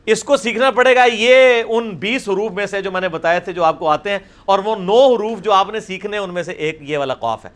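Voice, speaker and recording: A man's voice: high voice, few pauses, fairly bright tone. A middle-aged man, teaching a class at a blackboard and explaining patiently with questions to the audience. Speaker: religious teacher. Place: indoor lecture room with a blackboard.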